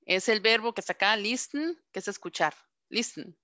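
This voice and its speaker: A woman teacher leads an online class. She patiently repeats each English verb slowly for pronunciation practice. Her voice is bright and clear, recorded dry and close. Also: medium pitch, lively intonation, no echo.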